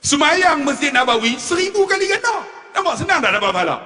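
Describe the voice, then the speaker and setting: A man preaches in a very high, bright, forceful voice, joking and laughing along with the congregation. His animated storytelling rings with a long reverb through a mosque hall. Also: a little fast, recorded from a distance. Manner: animated storytelling, laughing at his own jokes, repeatedly calling out to the audience. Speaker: religious preacher at a mosque forum. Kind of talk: humorous sermon addressing the congregation.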